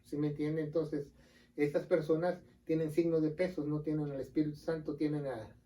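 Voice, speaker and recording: A man's voice: a little high, level tone, mellow, distant mic, low-quality recording. A man with a Mexican accent, a pastor teaching scripture in an earnest, casual conversation on a religious show. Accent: Mexican Spanish. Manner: earnest, explains scripture, quick aside jokes.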